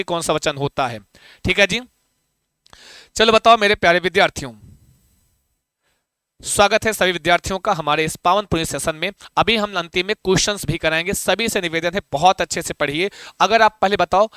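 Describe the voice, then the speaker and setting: A man's voice: high-pitched, bright, forceful tone, clean tone, no echo. A man teaching Sanskrit grammar in a live online class, chanting word forms aloud and coaxing students to answer, with playful mock threats. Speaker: Sanskrit teacher for exam prep.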